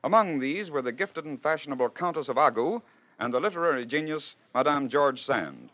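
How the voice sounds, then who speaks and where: A man with a slightly high voice talks fairly quickly, his pitch swinging widely. He hosts and narrates in a scripted 1940s radio style, telling the story with rhetorical flair. The recording sounds like a dull old radio broadcast.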